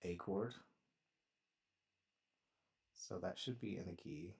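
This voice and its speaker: In his studio, a songwriter and producer works out a song, thinking aloud in casual, rambling talk with a self-deprecating manner. His voice is deep, husky and darkish, and he speaks slowly.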